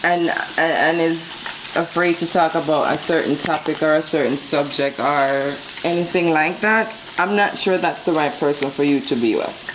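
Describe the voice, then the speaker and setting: A woman with a notably low voice chats casually as co-host of a cooking vlog. She is opinionated and conversational. Food fries and sizzles audibly behind her. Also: moderate pace, background noise. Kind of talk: casual relationship chat while cooking. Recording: loud sizzling food close by. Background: frying and sizzling on a grill.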